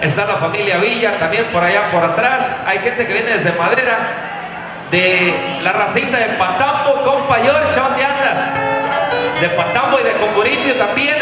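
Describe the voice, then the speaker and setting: Man from Tierra Caliente, Mexico, stage emcee, high voice, long hall reverb, music behind. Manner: loose, joking and thankful. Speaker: event emcee. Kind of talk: live stage announcing. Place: large indoor event hall with a stage. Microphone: handheld stage mic. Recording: echoey hall over live music.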